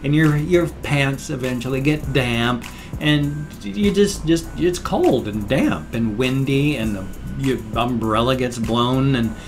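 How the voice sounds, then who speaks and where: An older man rambling casually to viewers, apologetic and mildly grumbling, his speech hissing and slightly slurred from loose dentures. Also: medium pitch. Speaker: vlogger.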